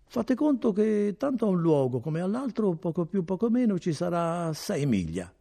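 A man voicing a sly, curious innkeeper with a gravelly, husky voice, probing and insinuating, in an audiobook. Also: sits high, very animated, moderate pace, mellow, pitched above the performer's own voice, exaggerated voice. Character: sly curious middle-aged male innkeeper. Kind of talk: audiobook character reading.

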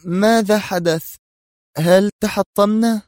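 A man's voice: sits high, steady tone, slow, darkish tone, no echo, studio quality, voice pushed up. A man voicing an anxious young woman officer with pleading, worried questions, in an audiobook reading. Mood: startled.

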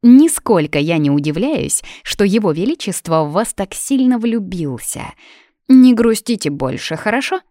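A woman voicing a kindly, chatty maid who speaks in a gentle, reassuring way. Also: medium pitch, sing-song, normal speed, no room sound, clean studio sound, voice pushed up, close to an everyday voice. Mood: soothing.

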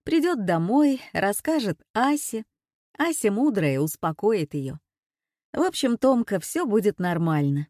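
A woman's voice: mid-range voice, very animated, measured pace, a little mellow, no room sound. A woman voicing a blunt, self-assured older sister, in a dry, close recording. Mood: soothing. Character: older woman, strong-willed sister settled abroad.

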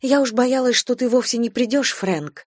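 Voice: medium pitch, moderate pace, no room sound, studio quality, pitched above the performer's own voice, natural voice. A reader voicing Bathsheba, a young woman in love, speaking tenderly and playfully in an audiobook. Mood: tender, eager. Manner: tender, eager. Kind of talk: audiobook character reading.

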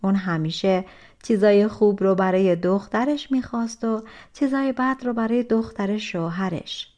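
A woman reading a folk tale aloud as an audiobook narrator, in an expressive, soft-spoken storytelling manner. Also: medium pitch.

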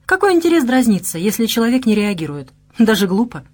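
A woman's voice: a little high, sing-song, quick pace. A woman voicing a wry, easygoing young former officer in an audiobook. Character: wry young ex-officer groom, calm and joking.

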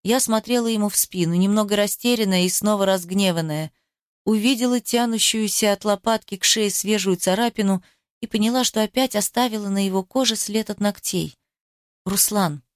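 A woman giving a steady, expressive first-person narration of an audiobook. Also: mid-range voice, fairly quick, smooth, no room sound, clean studio sound.

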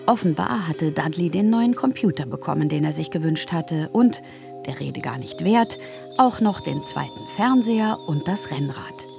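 A woman reads a novel in a calm, measured storytelling voice. Her tone sits low with a gravelly edge, and music plays clearly underneath. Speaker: narrator reading a novel. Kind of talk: literary reading.

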